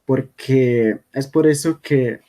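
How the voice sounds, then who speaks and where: A man's voice: medium pitch, mellow. A man whose first language is Kogui teaching a language lesson over slides, often checking in with the listener. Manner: unhurried, checks in with frequent "¿sí?".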